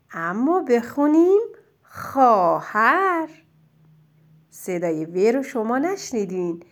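Slow, encouraging woman dictating to a child. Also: on the high side. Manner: slow, drawn-out dictation of single words; gentle, encouraging teacher talk. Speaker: teacher.

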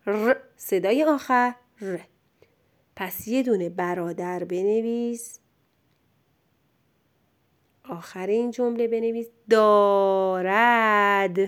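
A woman teacher giving a dictation lesson to young pupils, sounding out words slowly syllable by syllable in a patient, encouraging way. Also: on the high side, darkish tone.

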